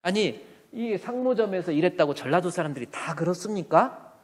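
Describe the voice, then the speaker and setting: A man preaching a Sunday sermon as pastor, talking colloquially with loud, emphatic bursts. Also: high voice, animated, normal speed. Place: church sanctuary. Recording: long church reverb. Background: long hall reverb.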